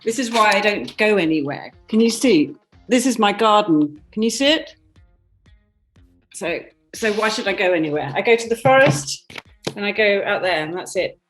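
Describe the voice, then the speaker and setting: A woman in her fifties from Denmark and England speaks at a moderate pace in an animated, medium-pitched voice. As a product designer being interviewed, she's candid and thoughtful, restarts frequently, and calls in by computer video from her seaside home. The audio is roomy and distant from the mic, with soft music behind.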